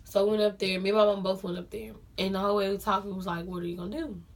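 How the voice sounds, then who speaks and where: A woman's voice: mid-range voice, level tone, racing. Young woman, casual storytime vlogger, talks straight to viewers, repeats lines for emphasis. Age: young adult. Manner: chatty, addresses viewers as y'all, repeats phrases for emphasis.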